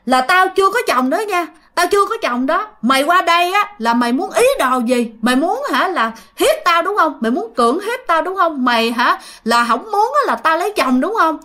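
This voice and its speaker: A woman's voice: expressive, brisk, few pauses. Woman doing a shrieking possessed young woman. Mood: furious. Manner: shrill, shouting insults.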